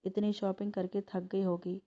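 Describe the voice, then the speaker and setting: A playful, affectionate young man, voiced by a woman narrator teases his girlfriend in a storybook reading. The delivery keeps a narrow, level pitch. The recording sounds dull and lo-fi. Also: little pitch movement, normal speed, natural voice. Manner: teasing, affectionate.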